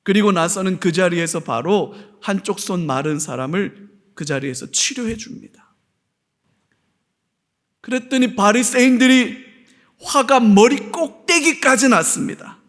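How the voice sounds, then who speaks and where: A man preaching a sermon as pastor, animated, with rhetorical questions to the congregation and homely humor. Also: sits high, a little slow. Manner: homely humor with everyday anecdotes.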